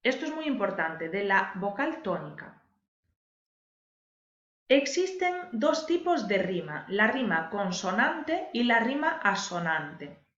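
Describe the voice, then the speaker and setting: A woman's voice: mid-range voice, big pitch swings, slow, fairly bright tone. A woman teacher, patiently explaining a lesson and stressing key words for her viewers. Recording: echoey room, dull lo-fi sound.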